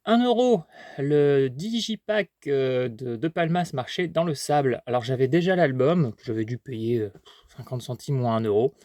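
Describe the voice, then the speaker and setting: A man's voice: mid-range voice, animated, normal speed, darkish tone, dry recording. A man chatting casually about his haul, rambling with many fillers and restarts while eating. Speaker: collector vlogger.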